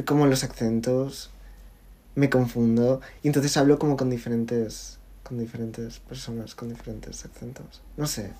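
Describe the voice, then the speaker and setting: A young man being interviewed in casual conversation, talking haltingly with many fillers and restarts. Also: medium pitch, flat delivery, mellow. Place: lives in Barcelona.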